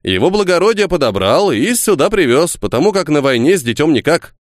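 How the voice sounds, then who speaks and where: A man's voice: fairly high pitch, sing-song, fairly quick, dry recording, studio quality, voice pushed up. A man doing an old retired sergeant, dutiful and earnest. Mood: dutiful report. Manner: earnest, bowing, soldierly folk speech. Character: retired male army sergeant, old servant, deferential.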